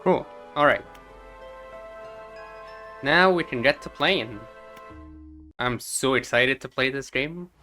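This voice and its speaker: An excitable man commentating his own game playthrough, reading on-screen prompts aloud. His voice is bright and he talks at an easy, slow pace. Faint music plays underneath. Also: mid-range voice. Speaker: gaming streamer. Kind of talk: casual let's-play commentary.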